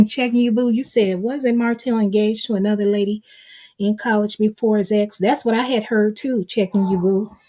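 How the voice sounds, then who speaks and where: A woman's voice: medium pitch, fairly even intonation, normal speed, mellow. A middle-aged woman hosting a casual live stream, reading viewers' chat aloud and calling them baby and honey. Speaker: livestream host reading chat.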